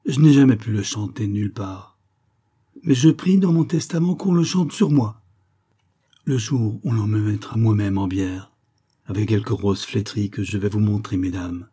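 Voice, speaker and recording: An old retired opera singer recounting a strange love, confiding and wistful, in a low, dark, husky voice, as a male reader puts her on. The telling stays measured and intimate throughout, as in a storybook recording. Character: old woman, former opera singer, recalling her past.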